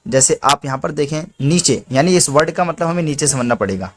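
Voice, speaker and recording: A man's voice: a little high, animated, a little fast. A man teaching Quran reading step by step, patiently explaining each rule and drawing out the letter names as he recites them.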